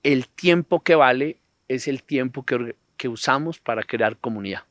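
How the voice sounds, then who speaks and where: A man's voice: mid-range voice, normal speed, fairly bright tone, no room sound. A man speaking at a panel talk in a reflective, philosophical way, full of rhetorical questions and digressions.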